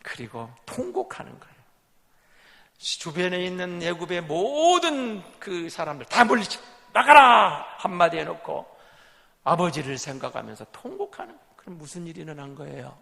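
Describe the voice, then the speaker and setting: A male pastor delivers a dramatic sermon, dropping to whispers and rising to loud exclamations. His voice is high and bright with a very lively pitch. The sound carries a long church reverb. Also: normal speed, creaky. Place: church sanctuary.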